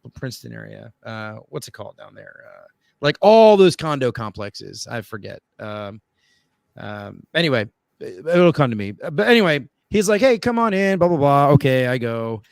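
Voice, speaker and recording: A man's voice: medium pitch, moderate pace, gravelly, no room sound, clean studio sound. A man telling an embarrassing story in casual chat, full of fillers, restarts and acted-out voices. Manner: animated, acts out voices, many fillers and restarts. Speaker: podcast guest telling a story.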